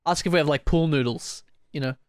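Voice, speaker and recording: A man's voice: on the high side, brisk, clean tone, no room sound, clean studio sound. A young man co-hosting a podcast, telling stories in a rambling way, laughing often and acting out quoted voices. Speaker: podcast co-host. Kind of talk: casual chat.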